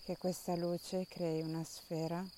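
A woman leading a guided meditation in a soft, calm, soothing voice with long pauses between instructions. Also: on the low side, slight background noise.

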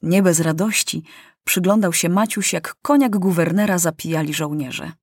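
A woman narrating an audiobook in a measured, dramatic manner. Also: fairly low pitch, no echo, studio quality. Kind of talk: audiobook reading.

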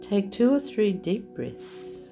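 A woman leading a guided meditation, speaking softly and soothingly as she talks the listener through relaxing the body. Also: medium pitch, sing-song, creaky. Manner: slow, soft and soothing. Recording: soft music underneath.

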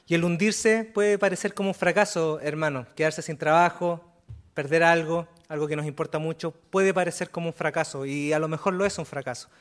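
High-voiced preaching man. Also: fairly even intonation, brisk. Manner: earnest preaching with frequent rhetorical asides; repeats words and restarts phrases. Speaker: pastor. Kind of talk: sermon.

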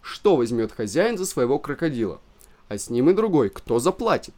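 A man reads the part of a pompous, self-important official, speaking in calm, measured phrases. His pitch is slightly raised and lively as he lays down his views, yet the voice stays close to everyday speech, with a mood both pompous and composed.

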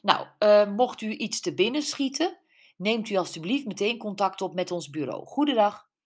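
A woman's voice: mid-range voice, animated, normal speed, a little mellow, natural voice. A brusque, dismissive male police officer in an audiobook, read by a woman. He speaks formally and cuts things short. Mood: curt.

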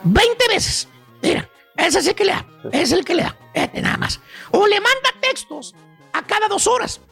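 A man voicing a squeaky male joke professor on a radio comedy segment, with a Mexican accent and a rambling, slangy lecturing manner full of "güey". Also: sing-song, moderate pace, gravelly, pushed and bright, soft background music, full character voice. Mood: storytelling. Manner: rambling, slangy, keeps saying "güey" and "fíjate nada más".

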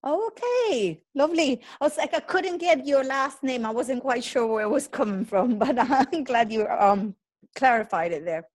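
A woman's voice: sits high, lively intonation, moderate pace. A woman hosting a podcast, chatting upbeat with her guest and often restarting her sentences. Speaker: podcast host. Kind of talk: casual interview.

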